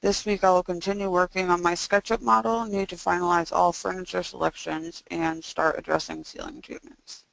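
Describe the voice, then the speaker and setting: A woman's voice: on the low side, level tone, moderate pace, gravelly, hardly any pauses, fairly bright tone, dry recording. A young woman giving an informal class presentation, her speech constricted and muffled as if her jaw were wired shut. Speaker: student presenting design coursework.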